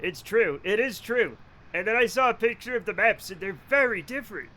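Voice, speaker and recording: High, bright-voiced joking streamer guy. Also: expressive. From Rhode Island. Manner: rambling, joking, cursing freely, quick to laugh. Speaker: livestreamer. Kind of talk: casual live-stream chat while gaming.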